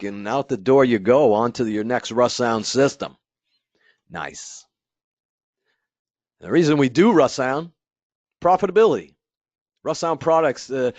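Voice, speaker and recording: In a dry, slightly dull webinar recording, a man with a mid-range voice leads a relaxed training session for dealers on behalf of his company's products. His delivery is loose and full of fillers and restarts, and now and then he voices what an installer might be thinking.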